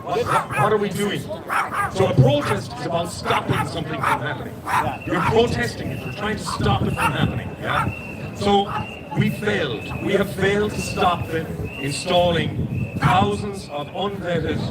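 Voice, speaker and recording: A man's voice: sits high, a little slow, heavy background noise. A man with a west of Ireland accent giving an insistent, explanatory impromptu speech at a street protest. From Galway, Ireland. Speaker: protest speaker. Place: outdoors in a city street among a crowd. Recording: outdoor street, very loud crowd.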